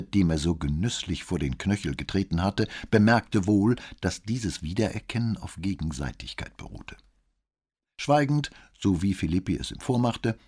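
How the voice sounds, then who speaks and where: A man narrating an audiobook in a scripted, expressive reading. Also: low-pitched, breathy edge.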